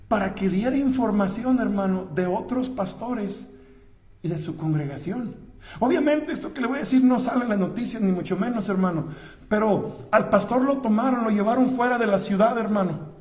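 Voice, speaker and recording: A man preaching from a church pulpit in a very high voice, swinging between loud cries and low, hushed passages. He keeps turning to address his listeners directly. The sound rings around an echoey sanctuary. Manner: impassioned preaching that swings from shouting to hushed, often calling out "hermano". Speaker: pastor. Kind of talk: sermon.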